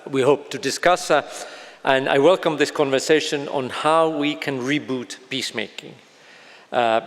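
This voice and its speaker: A man moderating a panel on stage, hesitant and filling pauses with "uh". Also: mid-range voice. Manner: hesitant, many fillers. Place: large concert hall stage, live event. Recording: long reverb of a large hall.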